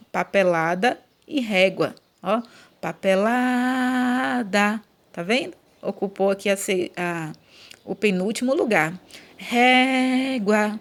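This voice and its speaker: A Brazilian woman teaching schoolchildren in a recorded lesson. She speaks patiently, repeats key points and often asks whether the children are following. Her voice sits at an ordinary pitch. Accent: Brazilian Portuguese. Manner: patient, repeats and checks understanding with "tá?" and "né?".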